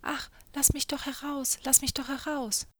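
A woman voicing a boastful, threatening male spirit from a bottle in a storybook reading, in a loud, booming voice. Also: moderate pace, no room sound, close to an everyday voice. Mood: pleading.

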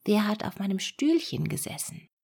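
A woman's voice: mid-range voice, big pitch swings, moderate pace, creaky, a little mellow, husky, exaggerated voice. A woman voicing seven small kindly male dwarfs in a whispered role-play, asking earnest questions. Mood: puzzled.

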